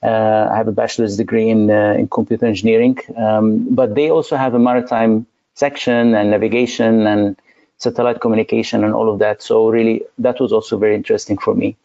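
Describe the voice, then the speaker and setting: A man from Egypt with a low, gravelly, dark-toned voice, answering as an interview guest. He speaks thoughtfully, pausing often and filling gaps. The audio sounds dull and lo-fi, like a remote call. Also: level tone. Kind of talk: interview conversation.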